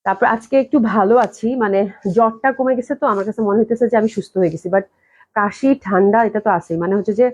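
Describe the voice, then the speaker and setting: A woman with a mid-range voice talks at a quick pace, selling dresses live online from her company office as a clothing shop owner. Her enthusiasm spills over into repeated praise, and she coughs constantly while getting over a cold.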